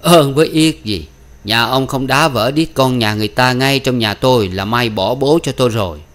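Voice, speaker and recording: A man's voice: medium pitch, moderate pace, fairly bright tone, pitched above the performer's own voice, natural voice. A man reading an audiobook, voicing a good-humored older village man who teases in a raised voice. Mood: teasing. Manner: teasing, chuckling.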